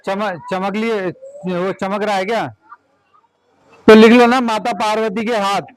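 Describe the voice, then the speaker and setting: High-voiced male teacher directing a class. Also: steady tone, unhurried, slight background noise, rough recording. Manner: directive, repeats short commands. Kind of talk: classroom instruction to children.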